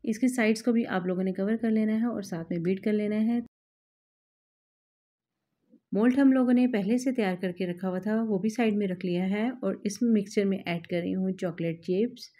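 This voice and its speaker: A woman host, calmly explaining a recipe step by step to her viewers in a voice-over. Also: mid-range voice, moderate pace. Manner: calm, instructive, addresses viewers directly. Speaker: cooking channel host.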